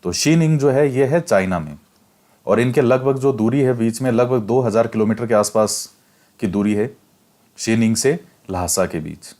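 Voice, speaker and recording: A man's voice: medium pitch, a little mellow. Man explaining a textbook lesson. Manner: explains step by step, repeats key facts for exam prep. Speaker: teacher. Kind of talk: classroom lecture reading and explaining a textbook.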